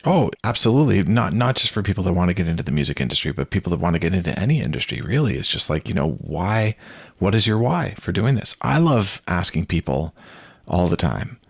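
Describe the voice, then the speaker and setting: A man's voice: low voice, creaky, breathy edge, no room sound, studio quality. A man hosting a podcast interview, posing earnest rhetorical questions to his guest. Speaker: podcast host.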